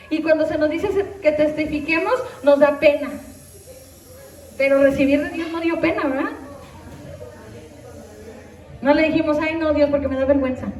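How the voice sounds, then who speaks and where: A woman's voice: sits high, darkish tone, echoey room, distant mic, a little hiss or hum. A woman pastor preaching a sermon, questioning and exhorting her congregation directly. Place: church hall.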